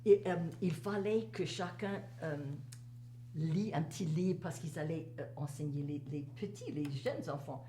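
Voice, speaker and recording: A woman's voice: deep voice, measured pace, mellow. An older woman with a Cajun French accent chats and reminisces, repeating phrases for emphasis and dropping in the odd English word. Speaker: interviewee, teacher recalling a career. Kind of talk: casual reminiscing conversation. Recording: echoey room, faint hum and noise.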